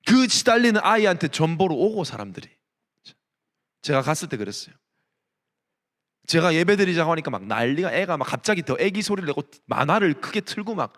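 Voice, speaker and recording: In a church sanctuary with a big-room sound, a male pastor with a slightly high voice preaches fairly quickly to young adults. His sermon is animated, full of stories and rapid rhetorical questions.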